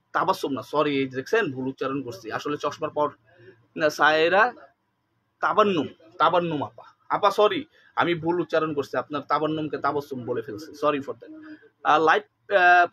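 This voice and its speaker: A man from Bangladesh, chatting through a live sales pitch for sarees, repeating details and slipping English words into his talk. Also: sharp tone, husky, poor audio. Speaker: saree seller on a live stream.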